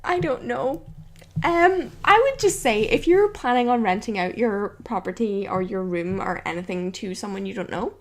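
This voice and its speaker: A young woman chatting casually as a vlogger, telling a story and acting out quotes. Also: normal speed. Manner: animated, acts out quotes with sudden high squeals.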